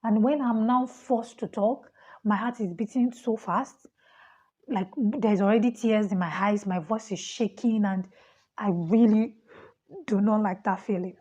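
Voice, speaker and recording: Nigerian woman vlogging, talks quick and laughs a lot, warm dark tone, kinda dull lo-fi audio. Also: mid-range voice. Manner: self-described fast talker, laughs often, animated. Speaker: vlogger, international student. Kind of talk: casual talk to camera.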